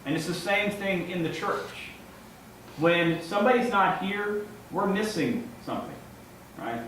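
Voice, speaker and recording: A man giving an informal, conversational sermon as a lay preacher, in a halting way with repeated words and checking tags. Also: sits high, a bit bright. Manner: ends points with checking tags like "right?" and "okay?". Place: large echoing indoor room, before a congregation. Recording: very echoey room, distant mic, faint noise.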